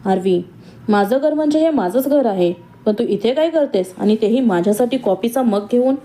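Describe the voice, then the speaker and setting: A woman's voice: on the high side, animated, moderate pace, mellow, lightly acted. A woman voicing a young man, a grandson back from abroad, who speaks in a plain, questioning way. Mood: puzzled.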